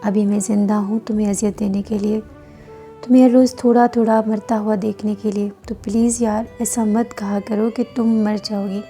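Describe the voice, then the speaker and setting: A woman's voice: medium pitch, flat delivery, warm tone, faint music behind, lightly acted. A woman voicing a cruel young husband who taunts his wife with sweet words that carry menace. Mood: mocking. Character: cruel, mocking young husband, coldly teasing.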